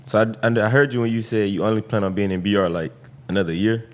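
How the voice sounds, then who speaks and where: A man hosting a podcast, asking rambling, relaxed questions with many fillers. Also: fairly low pitch, quick pace. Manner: laid-back, asks rambling questions with lots of fillers. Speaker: podcast host. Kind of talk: casual interview.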